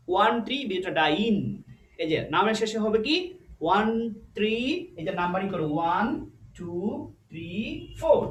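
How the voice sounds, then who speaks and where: Guy teaching chemistry at a board, high voice, swoops up and down a lot, echoey room. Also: a bit bright. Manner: explains step by step, asks and answers his own questions; mixes English terms into his speech. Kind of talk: online lecture at a board.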